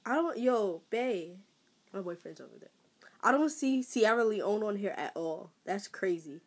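Young female vlogger, mid-range pitch, animated and exclamatory, chatty thinking-aloud delivery. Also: measured pace. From Trinidad. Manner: excitable, exclaiming, thinking aloud while reading. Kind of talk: casual vlog, reacting to results.

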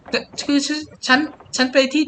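A man's voice: moderate pace, sharp tone, slight background noise, close to an everyday voice. A man voicing a frightened young woman in a game dub, stammering and pleading in panic. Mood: scared.

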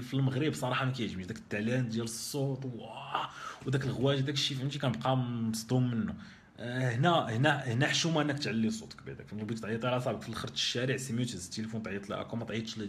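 Man, Moroccan Arabic accent, live stream host, extremely fast, emphatic, repeats himself, casual Q&A. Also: mid-range voice. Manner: rapid, repetitive and emphatic, often restarting phrases. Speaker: live stream host answering viewer questions.

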